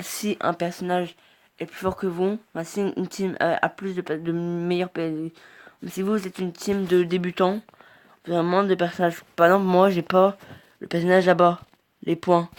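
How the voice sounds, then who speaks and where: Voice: medium pitch, level tone, normal speed. A mobile game player giving casual gameplay commentary, rambling and hesitant, reacting aloud as the game goes on.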